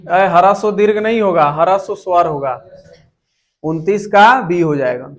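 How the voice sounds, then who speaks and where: A man's voice: sits high, moderate pace. A young man, a teacher working through exam questions and repeating each question aloud.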